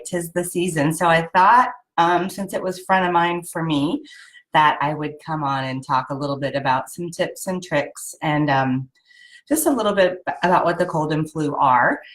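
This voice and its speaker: A woman with a head cold and a nasal voice casually hosts a live video, explaining health tips in a chatty way with lots of "um" and "right?" Her voice is low, and the recording quality is poor.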